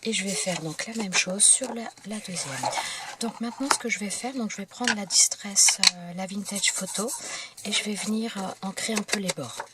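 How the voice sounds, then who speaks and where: A woman's voice: medium pitch, heavy background noise. French woman explaining a craft while working. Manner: unhurried, talks while working, searches for words. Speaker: crafting tutorial host. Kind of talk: casual step-by-step demonstration. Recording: clicking noises behind.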